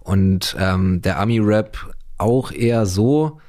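A man's voice: fairly low pitch, slow, darkish tone, no room sound, studio quality. A man, chatting casually in a rambling, slangy way full of fillers. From Berlin, Germany. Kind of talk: casual chat.

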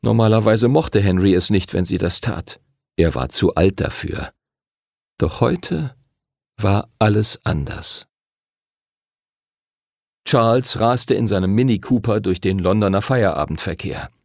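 A man narrating an audiobook in an expressive storytelling manner. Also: fairly low pitch, unhurried, gravelly, long pauses, no echo, clean studio sound.

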